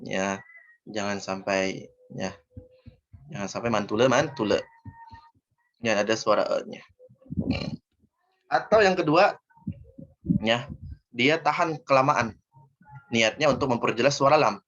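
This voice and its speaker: A man's voice: mid-range voice, lively intonation, unhurried, pauses often, fairly bright tone. Male recitation teacher, patient step-by-step explainer, slightly muffled online call audio. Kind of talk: online tajwid lesson. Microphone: video call.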